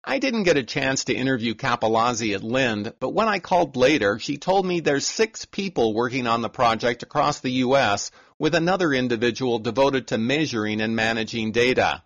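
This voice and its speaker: A man hosting an agricultural podcast, reading a scripted narration in a measured, informative way. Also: medium pitch, expressive, a bit bright, no room sound, highs cut off. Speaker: podcast host and farm reporter.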